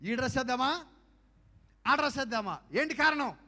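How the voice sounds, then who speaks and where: A man preaching a youth sermon, firing rhetorical questions at the crowd and swinging between soft asides and loud exhortation. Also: extremely high pitch, lively intonation, normal speed. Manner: fires rhetorical questions at the audience. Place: youth camp meeting hall. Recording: echoey hall with long reverb.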